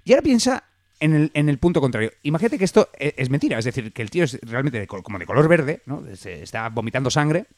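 Animated playful man co-hosting. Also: medium pitch, quick pace, no room sound. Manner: animated, playful, rambling asides. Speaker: podcast co-host. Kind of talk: casual comedic chat about news.

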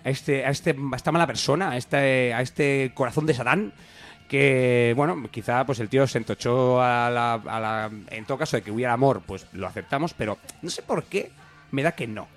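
A man's voice: medium pitch, normal speed, faint music behind. A man from co-hosting a comedy radio magazine, rambling in a mock-serious, ironic way. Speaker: radio show co-host.

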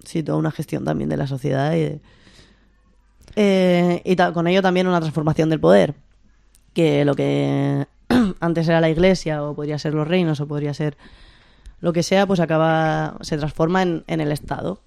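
A speaker of unclear sex with a Spain accent and a slight lisp, explaining informally and haltingly, often checking with short tag questions. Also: mid-range voice, steady tone, creaky, darkish tone, dry recording, studio quality. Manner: lisping, pronouncing s as th. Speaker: discussion leader.

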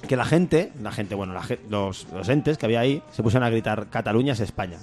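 A man's voice: lowish voice, animated, brisk, darkish tone, soft background music. Rambling, jokey man. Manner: rambling, jokey, breaks into laughter. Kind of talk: casual comedic chat.

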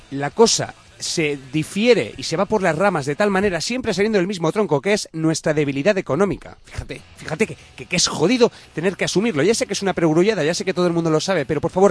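A man in his thirties hosts a comedic radio chat, his voice fairly high-pitched. He talks in a theatrical, ironic way and rambles through his points.

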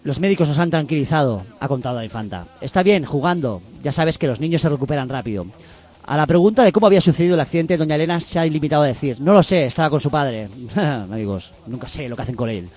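A man hosts a comedy show, reading the news at a brisk pace. He drops sardonic, deadpan asides. His voice is slightly high for a man. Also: soft background music. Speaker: host.

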